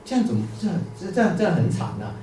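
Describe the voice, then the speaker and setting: A man's voice: sits high, very animated, rapid-fire, warm tone, voice pushed up. A man voicing a proud bamboo stalk that pleads and stammers as it is pruned, in a sermon parable. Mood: pleading. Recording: echoey room, distant mic, faint music.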